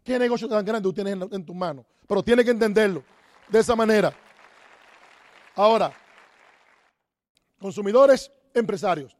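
A man's voice: sits high, normal speed, pauses often, no room sound. A man giving a motivational talk on network marketing, asking the audience rhetorical questions and repeating key phrases. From Dominican Republic.

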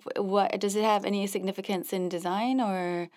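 Gushing, excitable woman podcast host. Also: medium pitch. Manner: gushing, excitable, quick to laugh. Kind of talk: casual podcast interview.

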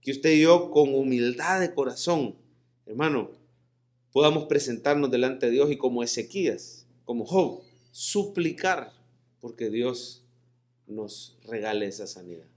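A man preaching a sermon, reading scripture and leading the congregation in repeating phrases, rising to loud emphatic declarations and dropping to hushed passages. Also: mid-range voice, a little slow. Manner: calls the congregation to repeat words aloud.

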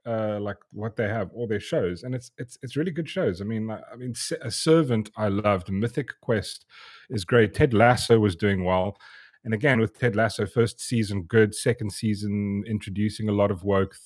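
A man co-hosting a podcast, chatting casually with sarcasm, frequent laughs and halting restarts. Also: on the low side, slightly rough. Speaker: podcast co-host.

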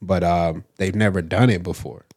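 A man's voice: low-pitched, fairly even intonation, moderate pace, darkish tone, no echo, studio quality. A man co-hosting a casual sports chat in a slangy, conversational way. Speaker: podcast co-host.

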